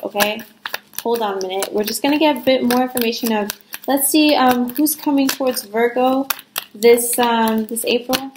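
High-voiced woman giving a frank tarot reading. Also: roomy sound, noisy background. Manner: frank, rambling, reassuring, lots of fillers. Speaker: tarot reader.

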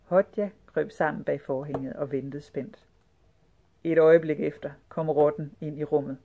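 A woman narrating a children's storybook with a lively, expressive read. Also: low voice, gravelly, phone-quality sound. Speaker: audiobook reader.

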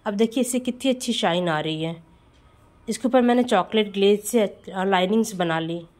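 A woman's voice: medium pitch, darkish tone. A woman home baker giving a casual voice-over tutorial on cake decorating, chatty and friendly, often calling her viewers friends.

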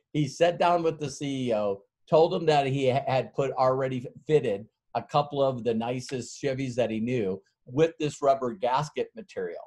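A man's voice: mid-range voice, darkish tone. A middle-aged man giving a motivational sales workshop as a guest speaker, telling a rambling story with many fillers and frequent chuckles.

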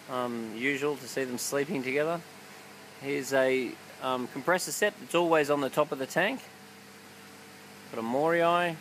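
A man, an aquarium keeper giving a relaxed, offhand explanation with fillers. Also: fairly high pitch, slight background noise, low-quality recording. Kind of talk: casual on-site explanation.

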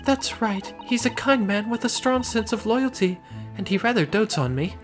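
A man's voice: sits high, expressive, moderate pace, faint music behind, voice pushed up. A man voicing an anxious, genteel Victorian wife in a game, flustered and polite.

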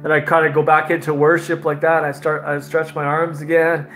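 Male preacher, high voice, emotional testimony, laughs a lot, light music bed. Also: fairly quick. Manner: laughing often, animated and emotional. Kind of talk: live-stream sermon with personal testimony.

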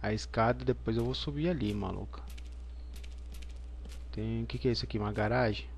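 A man's voice: mid-range voice, brisk, gravelly, a little hiss or hum. Brazilian man, scared horror game streamer. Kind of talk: live gameplay commentary. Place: indoor room at home. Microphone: headset.

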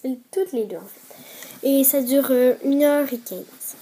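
Chatty Québécois woman, somewhat high voice. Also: unhurried, dark tone, slight background noise. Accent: Québécois French. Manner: hesitant, many fillers, chatty and enthusiastic. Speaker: film reviewer vlogger. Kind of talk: casual video reviews.

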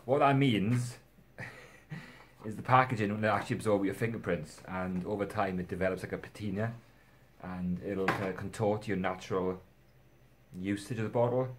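A man's voice: fairly low pitch, steady tone, normal speed, slight background noise. A young man chatting casually in a home vlog, rambling and self-deprecating, swearing now and then. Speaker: fragrance reviewer.

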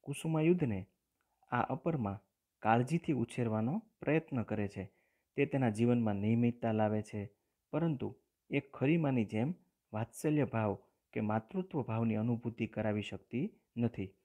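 A man with a Gujarati accent teaching a lesson, reading a story aloud and then explaining it plainly, often clearing his throat. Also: medium pitch, normal speed, warm tone.

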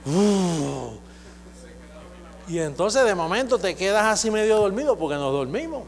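A man preaching a sermon, exhorting his listeners and building to loud, repeated declarations. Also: high voice, sing-song, fairly quick. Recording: echoey hall with faint hum.

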